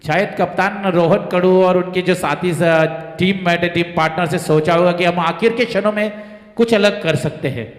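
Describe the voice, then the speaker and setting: A man from giving live local cricket commentary in an excitable manner. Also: high voice, moderate pace. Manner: excited commentary, rising on boundaries. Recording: echoey PA-like sound with long reverb.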